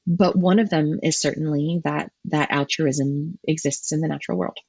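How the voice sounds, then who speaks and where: A woman researcher talks through her answers in a slightly husky voice, circling back and restarting as she thinks. The recording is dry and somewhat dull, like a lo-fi remote call. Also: sits low, fairly even intonation, moderate pace, darkish tone, no room sound. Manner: thinks aloud with many restarts and ums. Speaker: marine ecologist guest. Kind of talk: thoughtful interview answers.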